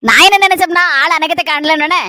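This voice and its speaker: Cartoon mom, Kanyakumari Tamil, woman voicing: very high, bright, fast, endlessly scheming. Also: steady tone, dry recording, studio quality. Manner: rapid, gossipy complaining. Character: scheming, fretful middle-aged village mother.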